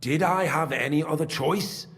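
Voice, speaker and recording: An actor playing a scheming middle-aged smelting works master in a video game, smug and evasive as he confesses his part in a silver racket. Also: moderate pace. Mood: resigned. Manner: smug and evasive, lively pitch. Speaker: game character.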